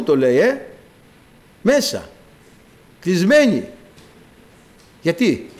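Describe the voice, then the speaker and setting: A man preaching a sermon to his congregation, calling them brothers and acting out the voices in his stories with dramatic swings. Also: a little mellow. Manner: dramatic, acts out quoted voices with big pitch swings.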